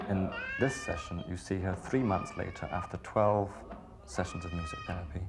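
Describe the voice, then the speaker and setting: A man, a music therapy researcher calmly explaining session footage, heard on an old noisy 1980s documentary recording. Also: deep voice.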